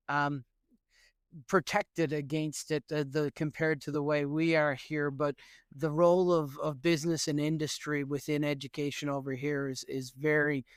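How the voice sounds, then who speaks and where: A middle-aged Newfoundland man, speaking as an education professor, answers interview questions earnestly and animatedly, using lots of fillers. His voice sits a little high and smooth, recorded at studio quality with no room sound.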